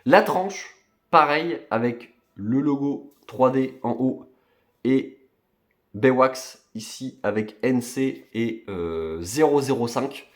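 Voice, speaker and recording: A man's voice: mid-range voice, lively intonation, slow, roomy sound. A man casually showing off his film collection, chatty and rambling, with many fillers and restarts. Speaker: collector vlogger. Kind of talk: casual unboxing show-and-tell.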